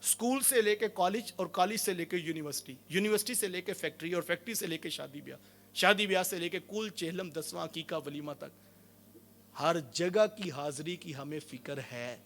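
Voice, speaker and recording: Man, high voice, sermon, storytelling, loud-soft swings. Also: a little hiss or hum. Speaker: Islamic preacher.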